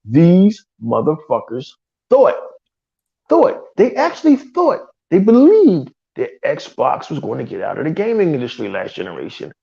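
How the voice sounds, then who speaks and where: A man's voice: fairly high pitch, huge pitch swings, a little slow, creaky, warm tone, lo-fi sound. A man co-hosting a gaming podcast, ranting in heated, profane casual talk and mocking rivals with put-on voices. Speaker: podcast co-host.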